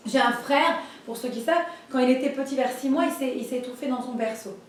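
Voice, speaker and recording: A woman teaching a religious class, telling stories in a lively way and acting out the voices of the people in them. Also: sits high, quick pace. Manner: lively storytelling, acts out voices. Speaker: Torah teacher. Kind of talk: storytelling class. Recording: echoey room, voice from far off.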